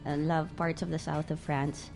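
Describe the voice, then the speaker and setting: A woman's voice: low voice, little pitch movement, moderate pace, vocal fry, darkish tone, soft background music. A woman hosting a radio talk show in a studio, chatting casually and rambling with fillers and restarts.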